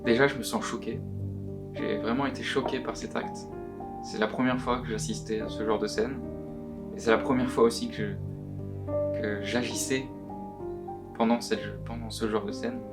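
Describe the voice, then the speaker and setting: Man, anonymous witness, deep pitch-shifted disguise, earnest, halting, guitar music underneath. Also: steady tone. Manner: earnest, halting, often repeats words. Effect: voice disguised, pitch shifted deeper. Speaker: anonymous witness giving testimony. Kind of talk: recorded testimony, answering questions. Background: plucked guitar music.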